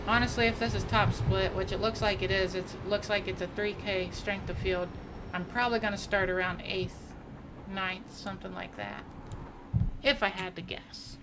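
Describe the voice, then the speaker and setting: Young woman, casual sim-racing streamer, mid-pitched, chatty, faint background noise. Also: fairly even intonation, normal speed. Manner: chatty, reads and answers chat mid-race. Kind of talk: casual live-stream chat while racing.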